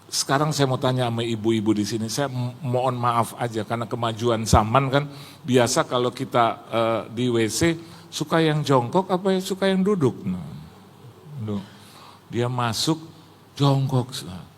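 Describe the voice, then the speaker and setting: A man's voice: mid-range voice, moderate pace. Indonesian-speaking male pastor telling stories. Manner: storytelling, acting out quoted voices, addresses congregation as Saudara. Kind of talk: sermon with humorous anecdotes. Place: church service.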